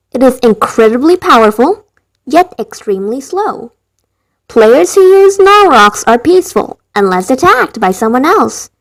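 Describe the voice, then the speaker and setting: High, lively woman narrating a game ranking. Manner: wry, rambling asides; talks in a voice she calls dead and tired. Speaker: gaming video narrator. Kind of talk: scripted game ranking commentary.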